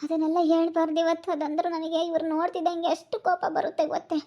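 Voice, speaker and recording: A woman's voice: very high voice, level tone, quick pace, muffled recording. Woman playing a tearful accusing elder sister. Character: grieving young woman, motherless elder sister. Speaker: village family drama actress. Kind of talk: emotional rural family drama.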